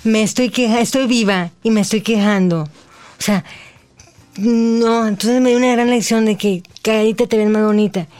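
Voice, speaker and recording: A Mexican woman in her forties, an interview guest telling her own story in slow, deliberate speech with an unusual articulation. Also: fairly high pitch, steady tone, a little mellow, faint music behind. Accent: Mexican Spanish. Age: 40s.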